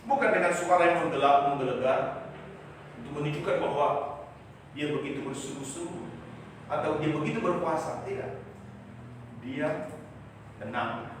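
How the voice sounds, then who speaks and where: A male pastor preaching a sermon, swinging from loud acted quotes to soft, quiet lines. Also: on the high side, background noise. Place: large church. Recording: echoey church hall, voice from far off.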